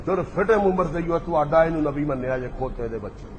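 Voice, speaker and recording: A religious speaker delivers a polemical speech, telling stories mockingly and acting out the quoted exchanges. His voice is a little high with lively intonation and a slightly fast pace. The hall is echoey, with faint background noise.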